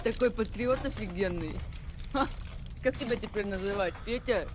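A woman plays a sardonic fighter in a war film, teasing in a taunting, sarcastic voice. There is clear noise behind her. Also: medium pitch, moderate pace, lightly acted. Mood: mocking. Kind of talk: film drama acting.

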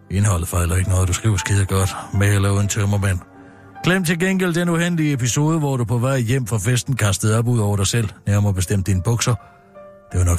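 A man on a radio comedy show reading a parody screenplay aloud in a deadpan voice. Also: on the low side.

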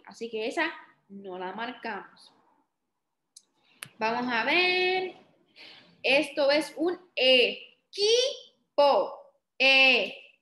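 Woman, kindergarten teacher, high voice, very slow and patient, draws out and repeats words, echoey room. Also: a bit bright. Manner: asks the children questions and answers them herself. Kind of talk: slow phonics lesson for young children.

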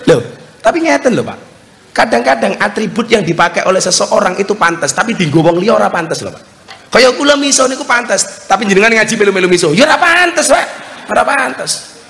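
A man's voice: high-pitched, animated, a little fast, creaky, a bit bright. A man with a Javanese accent preaching a comedic sermon, joking and teasing the audience. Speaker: Islamic preacher. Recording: long hall reverb, faint noise.

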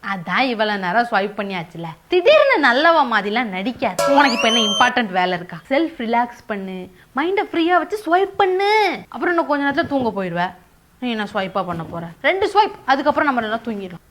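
A woman's voice: on the high side, very animated, fast talker, noisy background. A woman doing a comic monologue, arguing with herself in an exaggerated way. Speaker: comedy creator.

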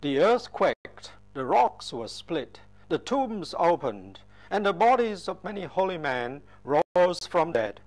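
Male Gospel reader at Mass, slightly high voice, slow and solemn liturgical delivery. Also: big pitch swings, darkish tone. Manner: slow, measured, solemn reading. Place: church.

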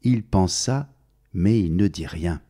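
A man reading a children's story aloud, speaking gently and addressing the child listener directly. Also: low voice, slow pace.

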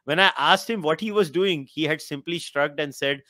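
This is a slightly high, sharp-toned male voice at normal speed, captured in a dry recording. The speaker is a young Mumbai-born podcast host with an Indian accent who reads from books, voices frank opinions, and switches between English and Hindi. He sits among bookshelves, wearing headphones and using a studio mic.

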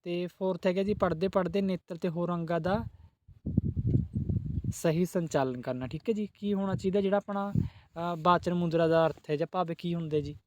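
A man's voice: high-pitched, moderate pace, a little hiss or hum. A man teaching exam-prep questions, who asks each question and then answers it, adding a polite "ji" again and again.

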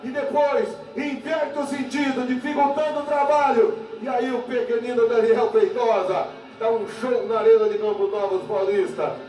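A Brazilian man giving excited, emphatic live rodeo commentary in a raised voice. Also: very high voice, normal speed. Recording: distant echoey television sound, faint music.

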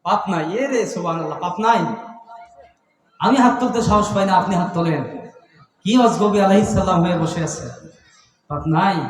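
A man from Bangladesh, preaching to a crowd in an impassioned, sing-song style that rises into shouted chanting and calls on the listeners to answer aloud. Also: high-pitched, far from the mic, slight background noise. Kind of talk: chanted sermon at an outdoor religious gathering. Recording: reverberant public address with faint music.

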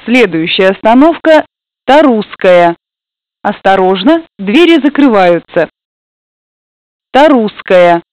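A woman making formal, measured stop announcements over a commuter train's public-address system. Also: medium pitch, very animated, darkish tone, no echo. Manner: measured, formal, evenly spaced phrasing. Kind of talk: recorded station announcements. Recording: dull lo-fi, dry.

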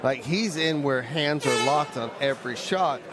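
A man's voice: medium pitch, a little slow, loud music behind the voice. A man giving conversational technical analysis as a co-commentator at a live fight. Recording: crowd and venue noise behind. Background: arena crowd.

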